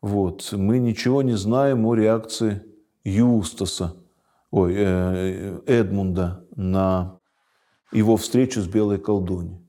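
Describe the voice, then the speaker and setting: A man teaching on faith and commenting on a book, speaking thoughtfully with frequent pauses and hesitations. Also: on the low side, steady tone, dark tone. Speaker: religious teacher reading a book aloud. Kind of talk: reading with spiritual commentary.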